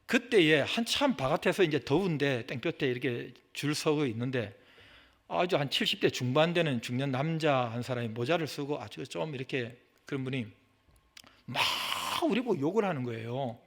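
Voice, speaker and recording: A middle-aged man preaching a sermon as senior pastor in a church, swinging from loud outbursts to soft, hushed asides and acting out the people he quotes. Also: mid-range voice, lively intonation, normal speed. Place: church sanctuary.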